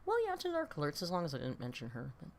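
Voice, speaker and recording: A woman in her late fifties hosts a casual reaction live stream, rambling to viewers in a blunt, self-deprecating way with some mild swearing. Her low voice swings hugely in pitch, comes out rapid-fire, and carries vocal fry.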